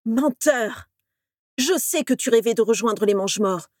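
A woman's voice: on the high side, unhurried, a little mellow, dry recording, clean studio sound. A woman voicing a jealous young male wizard who speaks with bitter sarcasm.

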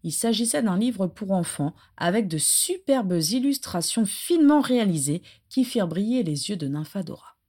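A woman reading a story aloud as an audiobook, in an expressive storytelling style. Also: mid-range voice, moderate pace, few pauses. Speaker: audiobook narrator.

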